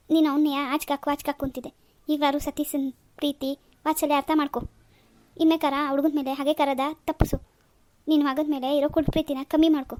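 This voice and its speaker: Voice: high-pitched, a little mellow, natural voice. A voice actor playing a stern old father-in-law in a cartoon, lecturing. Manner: scolding, lecturing. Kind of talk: cartoon dub.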